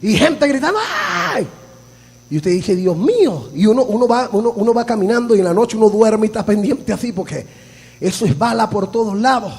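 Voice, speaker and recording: A man preaching a sermon, fervent and often shouting, telling stories with laughter. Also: high-pitched, lively intonation, brisk, breathy edge. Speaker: pastor. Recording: long hall reverb.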